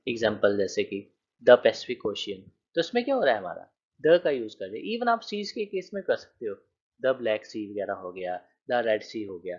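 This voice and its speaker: A man's voice: medium pitch, husky, dull audio. A man teaching a grammar lecture, explaining with counted examples and often checking that students follow.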